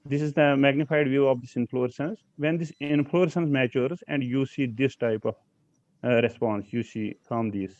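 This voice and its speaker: Halting man lecturing over a video call. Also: medium pitch, darkish tone, no room sound. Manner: halting, many fillers and restarts. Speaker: lecturer on pollen allergy. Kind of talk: online slide lecture. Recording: slightly dull video call audio.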